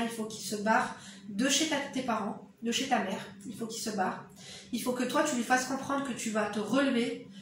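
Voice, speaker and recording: A woman with an eastern Algerian accent speaks frankly and directly, handing out motherly advice in a casual commentary to camera. Her voice sits a little high. She is recorded in a very echoey room from some distance, with faint background noise. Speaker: YouTuber.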